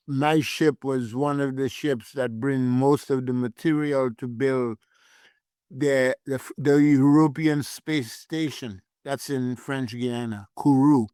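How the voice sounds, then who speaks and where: An older man from Saint Lucia, a guest author telling stories of his life at sea in an unhurried way, sometimes searching for words. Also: mid-range voice, darkish tone, smooth, no room sound, studio quality. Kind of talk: podcast interview.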